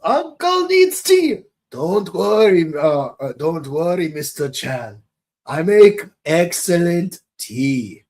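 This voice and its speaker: A man voicing Iroh, a gentle, tea-loving elderly uncle who talks slowly and kindly. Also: a little high, big pitch swings, full character voice. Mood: doting. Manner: slow, kindly, doting.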